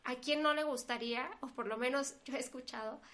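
High-voiced woman co-hosting a podcast. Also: brisk. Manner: conversational, quotes people in lively asides. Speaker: podcast co-host. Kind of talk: casual podcast chat.

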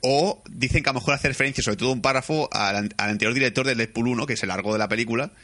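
A man from Spain with a Spain Spanish accent, excitedly reviewing a film in casual chat, swearing and acting out scenes. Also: medium pitch, rapid-fire. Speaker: podcast co-host.

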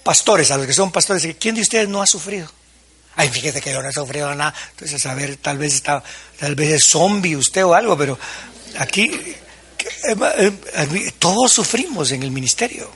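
A man's voice: on the high side, lively intonation, moderate pace, fairly bright tone, breathy edge. A man preaching a sermon as pastor, addressing the congregation with questions and acting out quoted dialogue.

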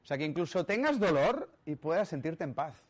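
A man's voice: a little high, very animated, fairly quick. A man from giving a motivational talk, emphatic and rhetorical, often checking in with the audience. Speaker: speaker on personal growth.

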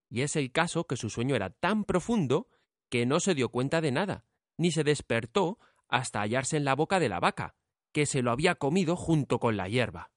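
Male storyteller reading a fairy tale, lively pitch, dry close sound. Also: no echo. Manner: expressive.

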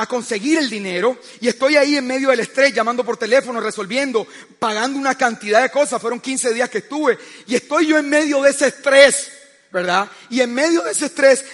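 A man's voice: very high-pitched, a bit bright, big-room sound. A man preaching a sermon who tells stories and keeps asking his listeners "¿sabes qué?", often stammering and restarting his sentences.

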